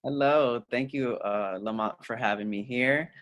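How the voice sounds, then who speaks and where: A middle-aged man from Puerto Rico, an educator guest talking casually in an interview, pausing often with fillers and restarts. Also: medium pitch, a bit bright, no room sound. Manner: hesitant, many fillers and restarts.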